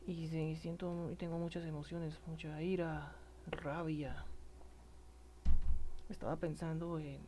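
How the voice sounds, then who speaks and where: Halting, earnest man with a regional Colombian accent. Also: on the high side, little pitch movement, warm tone, slight background noise. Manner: halting, stammering, many restarts; earnest and indignant. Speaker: citizen speaking about protests. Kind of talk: personal spoken monologue.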